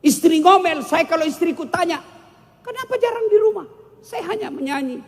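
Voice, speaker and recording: A man's voice: extremely high pitch, lively intonation, brisk, big-room sound. A man preaching a humorous sermon, joking with the audience and singing snatches of songs. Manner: jokey, sings snatches of songs, banters with the audience. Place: large hall with an audience.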